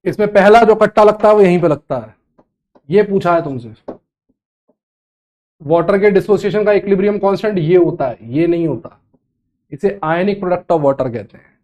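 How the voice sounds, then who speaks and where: High-voiced man teaching chemistry. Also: normal speed, pauses often, darkish tone, highs cut off. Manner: scolding, teasing, repeats phrases. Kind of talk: online lecture.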